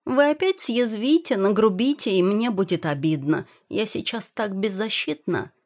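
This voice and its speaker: Brief: woman reading a fragile young princess, high and plaintive, near tears. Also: animated, normal speed, darkish tone. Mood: hurt. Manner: plaintive, sobbing. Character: young pregnant princess, timid and tearful. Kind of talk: audiobook character voice.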